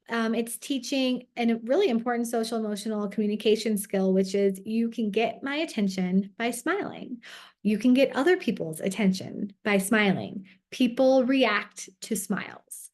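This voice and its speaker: A woman in her thirties giving a conversational parent workshop, with many filler sounds as she explains. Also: fairly high pitch.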